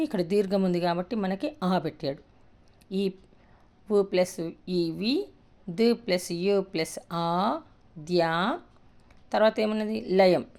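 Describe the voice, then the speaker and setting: A woman's voice: mid-range voice, darkish tone. A woman teaching a beginners' writing lesson, patiently sounding out letters one by one.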